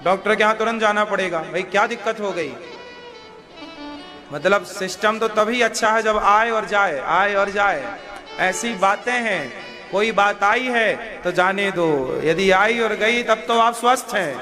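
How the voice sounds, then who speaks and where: A man's voice: high-pitched, a little slow. A male spiritual preacher giving a devotional sermon in a homely, coaxing way, drawing answers from his listeners. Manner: homely, coaxing talk that draws answers from the crowd. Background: violin music.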